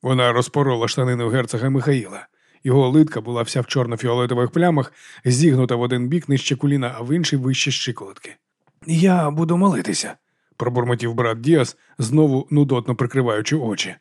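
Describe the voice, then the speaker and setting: A man with a medium-pitched voice narrates an audiobook in an even, measured reading. The recording is studio quality, with no room sound.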